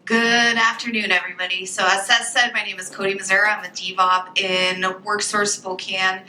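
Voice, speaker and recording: Very bright, sharp-voiced woman presenter. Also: mid-range voice, flat delivery, moderate pace, a little hiss or hum. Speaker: workforce agency presenter. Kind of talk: informal conference presentation. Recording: echoey room with background ambience.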